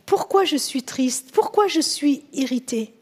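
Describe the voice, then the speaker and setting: A woman pastor delivers a sermon in church with a high voice and a slow, deliberate pace. She speaks earnestly to her congregation, often dropping to soft, tender tones. When she voices biblical characters, her pitch rises and her questions turn emphatic. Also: animated.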